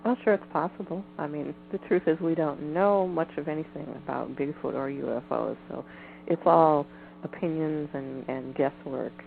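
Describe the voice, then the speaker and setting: A woman guest on a phone interview, speaking in a measured, hedging way with frequent ums. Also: low-pitched, gravelly. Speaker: guest, Bigfoot researcher. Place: home in the woods. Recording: tinny phone line with faint hiss.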